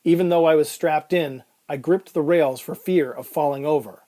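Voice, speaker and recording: Strapped down and uneasy, the patient this man plays recounts his surreal ordeal in brooding, deliberate first-person narration for an audio drama. His tone is tense, his voice a little high and mellow, and the acting is light.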